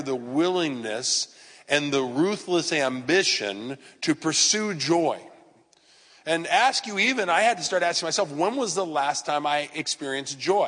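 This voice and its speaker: A man in his fifties preaching a sermon as pastor, conversational with self-deprecating asides and sudden loud outbursts. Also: mid-range voice. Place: church sanctuary. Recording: long reverb of a church hall.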